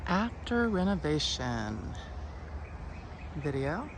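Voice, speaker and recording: A woman narrating an informal house walkthrough in a matter-of-fact way, listing items in short phrases with pauses. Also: sits low, big pitch swings, slight background noise. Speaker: property renovation presenter. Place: inside a house, walking through rooms.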